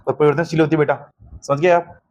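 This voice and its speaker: Hindi-speaking male teacher, raised pitch. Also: steady tone, fast talker, darkish tone, dull audio. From Rajasthan. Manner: explains by asking checking questions, calls students "beta". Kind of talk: exam-prep lecture.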